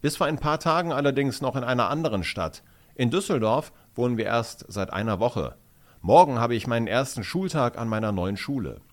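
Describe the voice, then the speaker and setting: A man's voice: medium pitch, animated, brisk, lightly acted. A man reading aloud, voicing an earnest, polite young boy who tells the other children about life in his home village. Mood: explaining. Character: boy newly moved from the countryside, polite, thoughtful.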